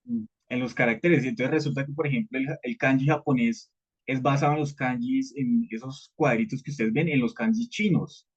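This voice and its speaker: A man teaching a live training session, casual and conversational, often pausing to ask the group whether they follow. His voice is somewhat husky and mid-pitched. The audio is dull and lo-fi. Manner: conversational teaching, frequent "¿listo?" checks, repeated fillers. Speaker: cybersecurity trainer.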